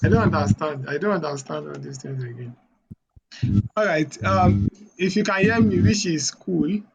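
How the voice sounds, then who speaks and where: A man's voice: on the high side, lively intonation, moderate pace, creaky, a little hiss or hum, rough recording. A man speaking over a video call that keeps dropping out, checking again and again whether anyone can hear him. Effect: voice on an unstable internet call that keeps dropping out. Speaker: online session speaker. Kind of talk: casual talk on a video call.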